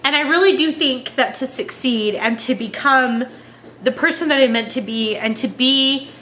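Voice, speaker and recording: A woman crying as she talks in a personal confessional vlog, halting and emotional as she searches for words. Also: sits high, pushed and bright, a little hiss or hum. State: crying, tearful. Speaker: vlogger.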